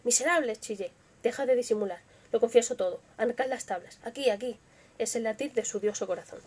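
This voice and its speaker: A young woman with a Spanish accent from Spain reads tales aloud on her live stream. Her voice sits a little high and she tells the stories softly and with feeling, sometimes dropping to a whisper. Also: fairly quick, slight background noise. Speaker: ASMR channel host reading stories on a live stream. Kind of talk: dramatic story reading with casual chat.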